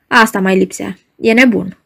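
A woman's voice: mid-range voice, fairly even intonation, gravelly, pitched below the performer's own voice. A woman reading aloud, voicing a proud male professor who speaks in a dry, short, commanding way. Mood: curt. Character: curt, proud middle-aged male professor, doctor.

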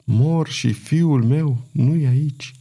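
A man voicing a feeble, dying old queen in an audiobook, speaking slowly in a wheezing, barely audible rasp. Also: a little high, dark tone. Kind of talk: audiobook character reading.

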